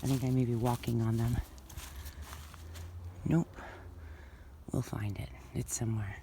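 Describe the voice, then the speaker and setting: A woman's voice: very deep voice, fairly even intonation, unhurried. A woman films herself on a handheld phone while she walks an outdoor winter cemetery. She talks loosely and thinks aloud as she goes, with frequent fillers, and sounds a little winded from the walk. A faint noise hangs in the background. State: slightly out of breath from walking. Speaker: author giving a tour. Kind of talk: casual walking vlog.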